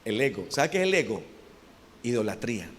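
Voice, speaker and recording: A man preaching a sermon, calling questions to the congregation and having them repeat after him, jumping from loud shouted peaks to low quiet asides. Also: sing-song, brisk, long reverb tail. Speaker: pastor. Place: church.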